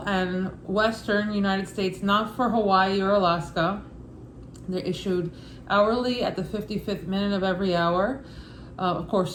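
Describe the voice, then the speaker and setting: A woman with a Brooklyn accent reads a study guide aloud as an informal lesson, casual and matter-of-fact, with offhand asides. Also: medium pitch. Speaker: instructor reading a study guide. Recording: echoey room with faint background noise.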